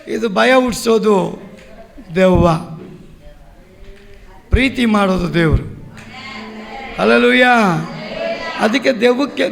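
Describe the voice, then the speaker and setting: A male pastor preaching in church, his voice high and gravelly. He speaks slowly and asks the congregation rhetorical questions. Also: fairly bright tone. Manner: rhetorical questions and calls for amen. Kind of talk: sermon.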